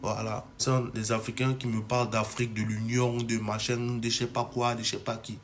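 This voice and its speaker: A man's voice: medium pitch, level tone, brisk, a little hiss or hum. A young adult man from Cameroon delivering an agitated, ranting monologue to camera, full of restarts. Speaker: comedy video maker.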